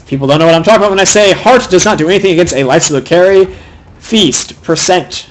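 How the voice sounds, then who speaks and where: A young man giving fast, opinionated solo commentary on a video game match, critiquing the players' item choices. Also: sits high, poor audio. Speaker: game caster.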